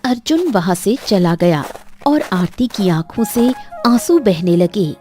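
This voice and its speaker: A woman narrating a Hindi cartoon story in a measured, somber way. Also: medium pitch, lively intonation, over loud music.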